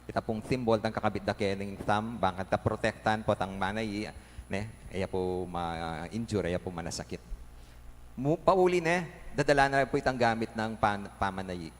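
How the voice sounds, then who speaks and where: A priest with a Kapampangan accent, reading Scripture and telling a story in a homily at a measured pace. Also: male voice, fairly low pitch. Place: large church. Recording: echoey church with faint noise.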